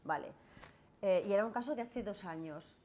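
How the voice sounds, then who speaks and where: A woman's voice: mid-range voice, moderate pace, darkish tone. Brief: middle-aged Spanish woman, lawyer lecturing a class, conversational, faint room noise. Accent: Spanish from Spain. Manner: chatty, asks "¿vale?" and "¿no?" often, acts out quoted voices. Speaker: lawyer giving a masterclass. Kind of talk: lecture to students with Q&A.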